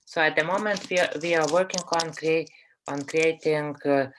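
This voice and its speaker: A man presenting his team's idea, halting and restarting words. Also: a little high, steady tone, fairly bright tone, slight background noise, rough recording. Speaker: startup team member.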